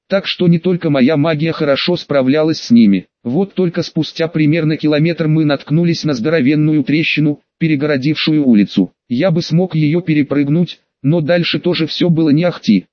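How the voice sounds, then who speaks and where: A man narrating a first-person fantasy audiobook in a steady, matter-of-fact storytelling manner. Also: fairly high pitch, no room sound. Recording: dull lo-fi, dry sound.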